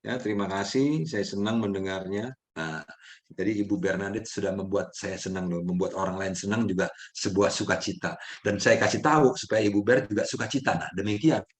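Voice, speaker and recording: A middle-aged man hosting a mindfulness session, teaching casually with many fillers and sudden high-pitched bursts when acting people out. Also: fairly quick. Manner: fillers and restarts, laughs often.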